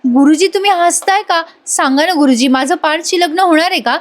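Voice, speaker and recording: A woman's voice: very high-pitched, brisk, voice pushed up. A woman voicing a stubborn young bride who pleads and protests. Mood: pleading.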